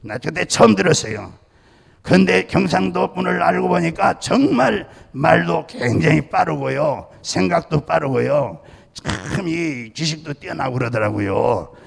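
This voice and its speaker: A male pastor from Chungcheong delivers a Sunday sermon with emphatic, repetitive exhortations and some light humor. His voice is strongly gravelly and sits a little high. The sound rings with a long church-hall reverb. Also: lively intonation, measured pace. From Chungcheong, Korea. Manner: emphatic preaching with repeated calls to believe; jokes with the congregation. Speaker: senior pastor. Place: church sanctuary.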